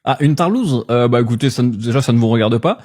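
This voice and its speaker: A man making a prank phone call in a mock-formal, deadpan tone, drawling and gliding over the ends of his words. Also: medium pitch, quick pace. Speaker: prank caller.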